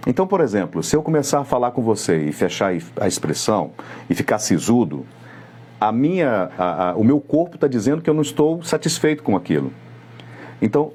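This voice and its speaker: A middle-aged man with a Brazilian Portuguese accent, giving a live lecture as a communication coach in a measured, didactic way, speaking straight to the listener. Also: on the low side, a little mellow, husky.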